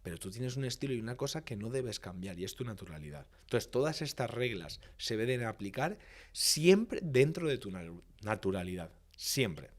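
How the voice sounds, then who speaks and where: Emphatic man, lively speaking coach. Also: medium pitch, normal speed. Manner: emphatic, lively, stresses key words. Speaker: public speaking expert, guest. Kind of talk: conversational interview.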